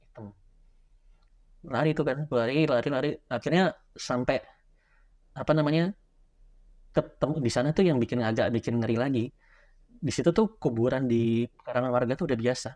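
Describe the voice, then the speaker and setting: A young man, a horror writer recounting a childhood scare in casual podcast chat. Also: medium pitch. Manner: animated storyteller, quick and loose. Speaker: guest, horror story writer.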